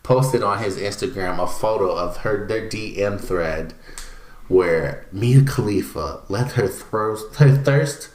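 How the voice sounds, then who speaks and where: A man's voice: fairly low pitch, slow pace. A man co-hosting a casual podcast, telling stories animatedly and acting out what others said. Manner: animated storyteller, acts out quotes. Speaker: podcast co-host. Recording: echoey room.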